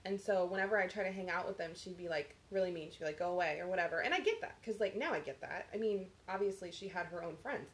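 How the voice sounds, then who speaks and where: Woman, 30s, podcast co-host, lively storyteller who mimics others in her anecdotes. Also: on the low side, fast, few pauses. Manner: animated storytelling, acts out quotes. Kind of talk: casual chat.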